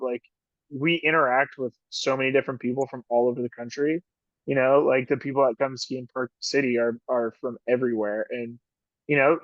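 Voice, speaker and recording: A man's voice: medium pitch, fairly bright tone, no room sound. A man and ski patroller in a casual interview, rambling with many fillers and frequent laughs. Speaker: ski patroller and union officer. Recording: dull dry lo-fi call audio.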